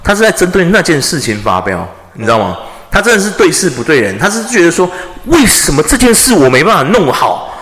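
A fast-talking, bright-voiced young man from Taiwan chats as a podcast host, swearing freely and acting out loud quarrels. His voice sits fairly high and swings widely. The room is echoey, with a long reverb tail. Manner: animated, swears a lot, acts out quarrels loudly. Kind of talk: casual chat.

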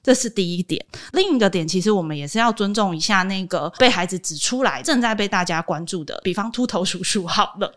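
A woman teacher calmly giving parenting advice point by point in a casual chat. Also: medium pitch, a little fast, hardly any pauses. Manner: calm, explains step by step. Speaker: teacher and guest.

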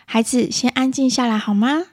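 A woman voicing a patient mother who talks calmly and reassuringly to her child. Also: a little high, normal speed, pitched above the performer's own voice, close to an everyday voice. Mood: soothing. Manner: calm, reassuring.

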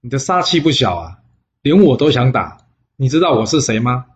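A man's voice: medium pitch, sing-song, a little fast, lo-fi sound, close to an everyday voice. A storyteller with a Taiwanese Mandarin accent voicing a genial, teasing old Taoist immortal man. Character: amused elderly male Taoist immortal.

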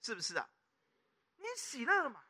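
Speaking at an extremely high pitch and a moderate pace, this middle-aged man is a pastor with a Taiwanese Mandarin accent. He preaches with animation, frequently putting questions to the congregation for them to answer.

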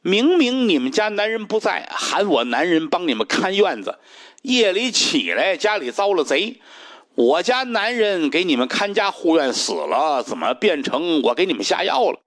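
A man's voice: high voice, big pitch swings, normal speed, fairly bright tone, exaggerated voice. A male storyteller voicing a scheming middle-aged widow who wails and shrieks her demands. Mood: shrill. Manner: wailing then shrieking demands.

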